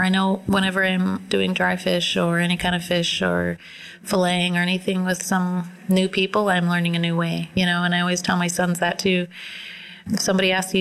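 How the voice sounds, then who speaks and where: A woman's voice: on the low side, vocal fry, a bit bright. A woman in her forties from Alaska, hosting a casual podcast conversation with reflective questions. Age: 40s. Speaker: host.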